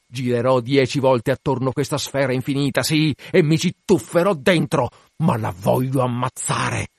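A man's voice: mid-range voice, moderate pace, gravelly, breathy edge, dry recording, studio quality. A man voicing an obsessed, one-legged old whaling captain in a dramatic reading, commanding and declamatory. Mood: frenzied.

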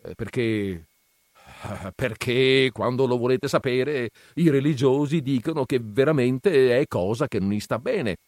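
A man's voice: medium pitch, a little mellow, dry recording, studio quality, voice pushed up, natural voice. A man reading aloud and voicing a shrewd, talkative middle-aged peasant mother who argues insistently and takes offence easily. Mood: knowing. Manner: insistent, persuasive, quick to take offence.

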